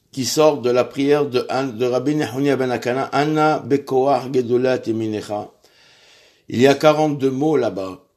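A man's voice: medium pitch, darkish tone. Guy teaching a prayer class, stops and repeats himself a lot, sounds out hebrew letters. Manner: halting, repeats words while searching. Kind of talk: religious lesson.

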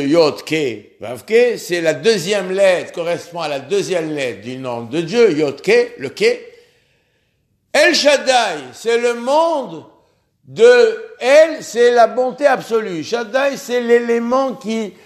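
A religious teacher with a strikingly high-pitched voice gives a lesson on faith. He talks earnestly and leans hard on important words. He frequently stops partway through a thought to start over or repeat himself.

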